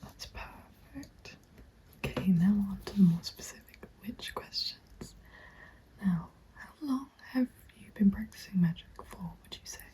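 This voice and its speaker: A young Englishwoman, an ASMR creator, whispers softly and breathily while playing a recruitment consultant, her mid-range voice animated yet a little slow and her manner polite, gentle and attentive like customer-service patter. She's recorded on a close microphone in a small room at home, with computer keyboard typing in the background and poor audio.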